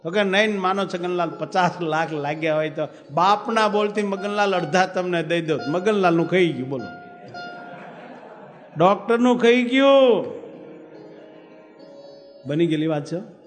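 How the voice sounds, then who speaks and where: A man's voice: high-pitched, a little slow, long pauses. A man giving a storytelling sermon, acting out dialogue and chanting verses. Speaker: preacher. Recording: reverberant hall with faint music.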